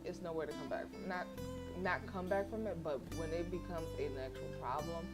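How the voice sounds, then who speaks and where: This streamer talks a little fast in a lowish voice. She's outspoken and sassy, reacting slangily to her game and reading a visual novel aloud, with plucked guitar game music playing behind her.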